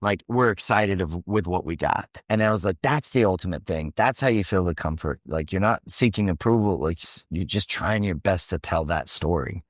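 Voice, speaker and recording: A middle-aged man with a low, deep voice, an actor telling stories on a podcast. He talks with animated energy and acts out the lines of the people in his stories. The sound is close and dry. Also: moderate pace, hardly any pauses, no room sound. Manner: lively anecdotal storytelling, acting out quoted lines. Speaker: actor and acting coach, guest. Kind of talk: animated storytelling in a podcast interview.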